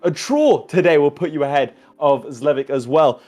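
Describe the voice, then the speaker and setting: A man's voice: on the high side, normal speed, darkish tone. A man co-hosting a live show, playful and hyped in his banter. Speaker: show host.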